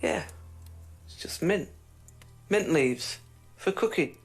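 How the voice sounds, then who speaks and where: A man's voice: sits high, expressive, slow pace, gravelly, soft background music, full character voice. A man playing an offhand, teasing amateur cook in a video game. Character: flippant man, amateur competition-winning cook.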